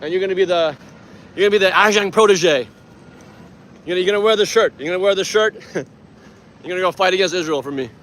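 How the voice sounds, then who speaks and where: Rambling, animated man in his forties, from Iran. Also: high-pitched, fast, long pauses, a little hiss or hum. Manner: rambling, animated, laughs often. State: tired. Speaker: activist vlogger. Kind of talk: casual vlog to camera. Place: city street outdoors.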